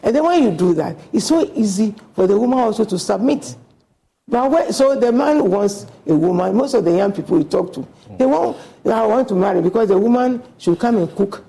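A woman with a gravelly, mellow voice and a creak running through her words. She talks as a passionate radio guest, slipping into a preachy tone and acting out the voices of the people she quotes. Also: medium pitch, expressive, moderate pace, rough recording. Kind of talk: earnest radio discussion.

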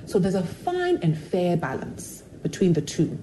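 This is a fairly low-pitched, unhurried woman, a television personality opening up in a motivational interview. She brings her anecdotes to life by acting out the voices of those involved, animated and expressive throughout. A little hiss or hum runs under the low-quality recording.

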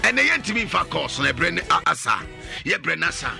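A man, leading a call-and-response blessing on the radio, chanting names and shouting prayers. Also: fairly high pitch, sing-song, brisk, creaky. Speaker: radio preacher. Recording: radio broadcast with loud music behind.

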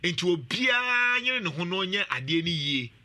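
A man hosting a talk show, giving animated, casual commentary and laughing often. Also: high voice, normal speed. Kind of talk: casual commentary mixing Twi and English.

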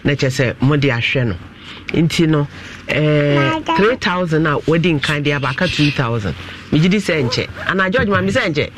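A man with a Ghanaian accent, a pastor questioning family members in a dispute in an animated, coaxing manner. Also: a little high, normal speed, background noise. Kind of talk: mediating a family dispute on a broadcast.

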